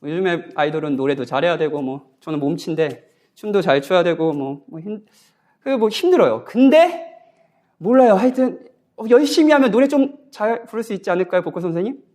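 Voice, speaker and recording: Lively high-voiced male pastor preaching. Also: fairly quick. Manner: conversational, asks the congregation questions. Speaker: guest pastor. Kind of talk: sermon at a Bible conference. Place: church sanctuary.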